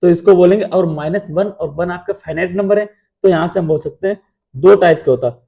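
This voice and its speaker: A man's voice: high voice, a little fast, creaky, dark tone, highs cut off. A man teaching math in an explanatory lecture, asking rhetorical questions and answering them himself.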